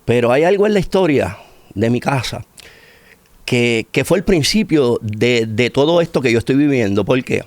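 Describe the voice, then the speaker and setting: Animated and at a normal speed, this middle-aged Puerto Rican man shares his personal testimony in a conversational interview. He speaks with a Puerto Rican Spanish accent in a medium-pitched voice and repeats phrases to stress his points. The recording is dry.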